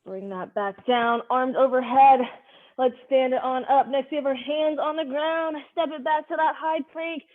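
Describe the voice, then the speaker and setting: Casting: female online HIIT coach with a higher-than-average voice, instructing in brief directive cues and counts, heard through narrow, phone-quality audio. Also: steady tone, moderate pace. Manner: directive, short clipped cues. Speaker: fitness instructor leading a live online HIIT class. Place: live online video class.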